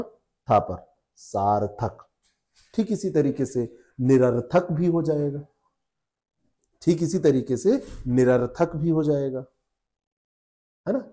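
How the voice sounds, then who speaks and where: A male Hindi exam tutor with a slightly high, warm voice covers spelling rules for exam students, patiently repeating every rule and checking in with the class.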